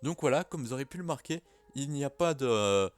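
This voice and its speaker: A man's voice: mid-range voice, animated, brisk, soft background music. A man talking casually to camera in a vlog, hesitant and full of filler sounds. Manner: hesitant, many "euh" fillers. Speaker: YouTuber.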